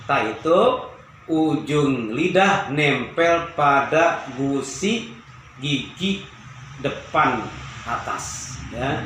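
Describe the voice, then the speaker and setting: Male recitation teacher, slow and patient, repeats sounds for students; very echoey room. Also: fairly high pitch, fairly bright tone. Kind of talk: tajweed lesson. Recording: very echoey room with faint ambient noise.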